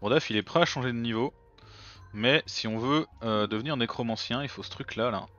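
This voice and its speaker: A man's voice: mid-range voice, brisk, fairly bright tone, highs cut off, soft background music. Chatty male let's-play host. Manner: chatty, thinks aloud with many fillers. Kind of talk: casual gameplay commentary.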